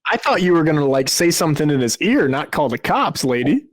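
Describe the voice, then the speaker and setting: A podcast host reacting to a guest's story with short exclamations. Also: male voice, a little high, very animated, fairly quick. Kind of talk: casual podcast interview reactions.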